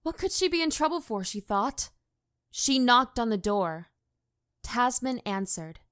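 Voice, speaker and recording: A woman's voice: fairly high pitch, big pitch swings, unhurried, fairly bright tone, no room sound, clean studio sound. Woman narrating plainly. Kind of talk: scripted narration.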